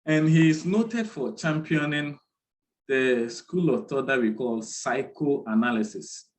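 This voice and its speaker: A man giving an online lecture, speaking deliberately and repeating key terms for his students. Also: medium pitch, low-quality recording.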